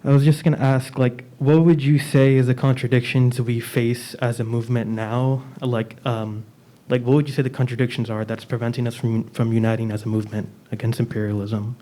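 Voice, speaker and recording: A man's voice: medium pitch, level tone, brisk, warm tone. A man in the audience asking a question, hesitant and leaning heavily on "like" fillers. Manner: hesitant, heavy use of "like" fillers.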